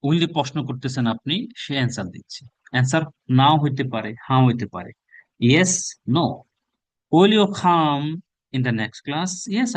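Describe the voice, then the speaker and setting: A Bangladeshi man teaching a spoken English class, drilling phrases through rapid repetition. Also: medium pitch, dry recording.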